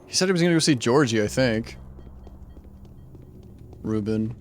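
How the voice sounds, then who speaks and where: Brief: man, mid-pitched, loose rambling game-stream commentary, half talking to himself. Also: animated, normal speed, slight background noise. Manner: rambling, thinking aloud with frequent "like". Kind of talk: casual gameplay commentary.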